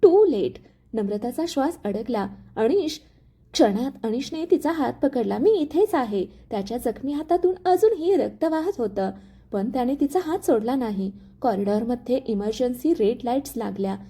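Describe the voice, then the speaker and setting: Female storyteller, dramatic expressive narration, mellow tone, high voice. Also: moderate pace, slightly rough.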